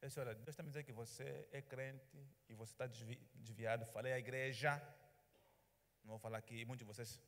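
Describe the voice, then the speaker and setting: Recorded in a church hall full of reverb, this sermon features a man, the pastor, telling a story animatedly and playing out its dialogue. He speaks briskly at medium pitch.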